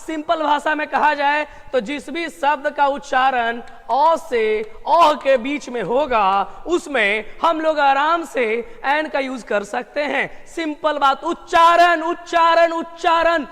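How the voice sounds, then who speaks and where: High-pitched man drilling an English grammar lesson. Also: fairly bright tone, in a large hall. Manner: drills students with repeated rhetorical questions; slows right down to stress key terms.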